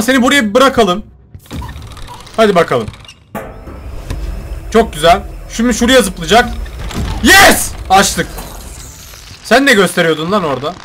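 A young man commentating his own gameplay, joking and shouting at the game characters. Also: sits high, a little hiss or hum. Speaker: gaming YouTuber. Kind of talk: let's play commentary.

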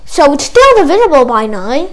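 A woman's voice: high-pitched, sing-song, moderate pace, slight background noise, low-quality recording. A woman tutoring math in a playful, teasing way, dropping jokey asides between the steps. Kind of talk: comedic math lesson.

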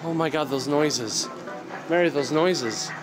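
A man in his thirties co-hosting a casual road-trip vlog, chatty and excitable, filmed on a handheld phone in a car and an arcade. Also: fairly high pitch, takes it slowly, over music. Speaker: vlog co-host. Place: inside a car, then a loud arcade. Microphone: handheld phone camera at arm's length.

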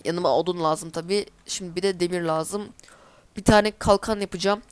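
A woman in a casual let's-play, chatting away to herself and her viewers as she plays. She is quick to get exasperated when things go wrong. Her voice is smooth and clean, recorded close and dry with no room sound. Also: fairly low pitch, steady tone, dry recording. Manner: chatty, easily exasperated, talks to herself while playing. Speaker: gameplay commentator.

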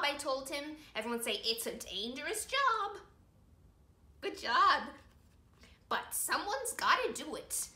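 A woman's voice: high-pitched, pushed and bright, echoey room. An older woman, a grandmother, reading a children's story aloud with playful gasps and call-and-response prompts for young listeners. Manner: playful, gasping, coaxing listeners to join in.

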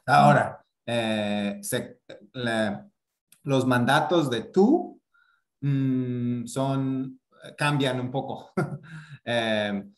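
A man teaching grammar in a relaxed online lesson. He speaks slowly, at an even middle pitch, and explains patiently. He fills pauses with hesitations and keeps checking in with short tag questions. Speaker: Spanish teacher.

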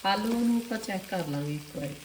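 A woman with a Punjabi accent, hosting a cooking channel, calmly explaining each step and speaking to viewers directly. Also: medium pitch, fast talker. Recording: echoey kitchen with faint noise. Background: sizzling and stirring of food.

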